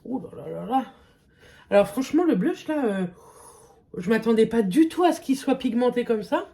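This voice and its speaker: A woman's voice: on the high side, animated, moderate pace, creaky, dark tone. A young woman vlogger chatting casually through a makeup test, hesitant and full of fillers. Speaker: beauty vlogger. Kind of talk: casual makeup vlog chat.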